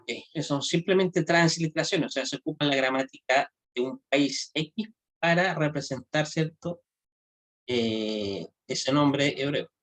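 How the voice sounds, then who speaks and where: Man teaching Hebrew grammar, halting and patient. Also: a little high, a bit bright. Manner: checks understanding with frequent tag questions; halting, restarts phrases often. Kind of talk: informal classroom lecture.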